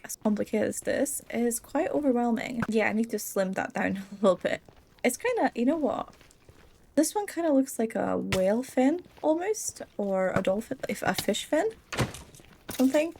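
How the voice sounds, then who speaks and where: A young woman talks her way through a building game in a loose, rambling way, laughing often and joking at her own expense. She sounds worn out, and her voice sits a little high for a woman. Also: a little mellow, a little hiss or hum. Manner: giggly, rambling and self-deprecating. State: tired. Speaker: Minecraft let's play creator. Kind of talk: casual gameplay commentary.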